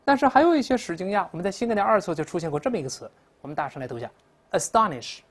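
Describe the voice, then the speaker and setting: A woman's voice: lowish voice, very animated, racing. A woman teaching English in a classroom lecture, explaining answers and leading repeat-after-me pronunciation drills.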